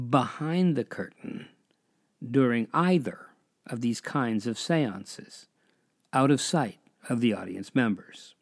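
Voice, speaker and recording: A man's voice: medium pitch, no echo, studio quality. Man narrating an eerie history. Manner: measured, dramatic pauses, drops to a hush on eerie details. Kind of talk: scripted storytelling narration.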